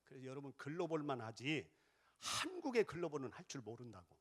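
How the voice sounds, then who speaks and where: A man preaching a revival sermon as pastor, with a Jeolla accent, shouting chants for the congregation to repeat and then dropping into chatty storytelling. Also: medium pitch, very animated, brisk, slightly rough. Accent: Jeolla Korean. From Jeolla, South Korea. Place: church sanctuary.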